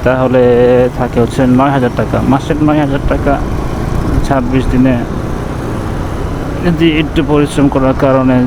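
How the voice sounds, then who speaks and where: A man's voice: mid-range voice, fairly even intonation, normal speed, pauses often. A man with a Bangladeshi accent chatting casually to viewers as a ride-share vlogger, talking from inside a helmet while out on a motorbike. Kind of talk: casual vlog chat. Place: outdoors on a motorbike in city streets. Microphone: camera mounted in the helmet. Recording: clear traffic and vehicle noise.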